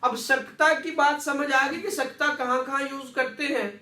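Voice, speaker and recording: A man's voice: very high-pitched, steady tone, moderate pace, sharp tone. A man teaching a classroom lecture, repeating words and quizzing students with questions. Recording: echoey room, distant mic.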